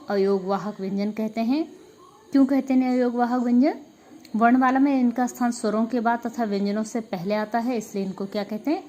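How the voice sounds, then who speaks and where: A woman's voice: on the high side, darkish tone. A woman teacher going over a grammar revision lesson with a class, asking questions and answering them herself. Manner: patient, asks and answers her own questions; repeats filler "ठीक है" often. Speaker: school Hindi teacher.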